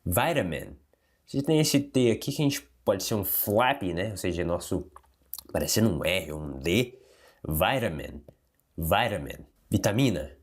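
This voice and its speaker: A man, an English teacher, repeating words slowly again and again in a pronunciation lesson, his pitch swinging up and down. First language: Portuguese. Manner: drills words many times, swinging pitch up and down.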